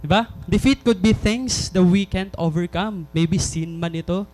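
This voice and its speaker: High-voiced Filipino male preacher. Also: a little slow, darkish tone. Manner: switches between Waray and English, asks the congregation questions. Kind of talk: sermon.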